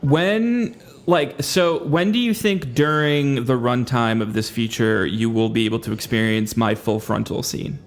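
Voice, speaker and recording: A man's voice: mid-range voice, moderate pace, hardly any pauses. A man hosting a podcast in casual chat, joking and teasing his guest and rambling with frequent restarts. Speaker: podcast host.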